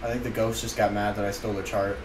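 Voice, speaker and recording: A man co-hosting a video game playthrough, answering his partner with dry, exasperated, deadpan comebacks. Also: fairly low pitch, fast. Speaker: let's play co-host. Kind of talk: casual gaming banter. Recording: roomy, distant mic with background noise.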